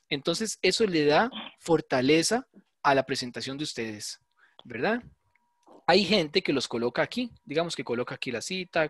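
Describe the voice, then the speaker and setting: Male lecturer, fairly high voice, dry close sound, chatty teaching manner with frequent check-ins. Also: no echo. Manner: conversational, explains with frequent "¿verdad?" checks. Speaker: university lecturer. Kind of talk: online class lecture.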